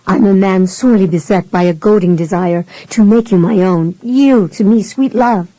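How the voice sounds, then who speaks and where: Woman narrator doing a hoarse ardent colonel, slow and husky, mellow tone. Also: mid-range voice, no room sound, natural voice, rough recording. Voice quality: hoarse rasp.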